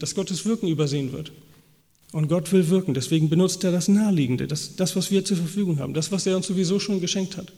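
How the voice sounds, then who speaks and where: Brief: male preacher, mellow, slightly high voice, lively quoted dialogue, hall reverb. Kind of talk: sermon. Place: church hall. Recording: long reverb of a church hall.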